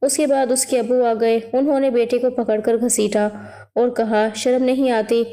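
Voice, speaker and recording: Mellow higher-pitched woman narrating a story. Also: little pitch movement. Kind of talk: scripted first-person story narration.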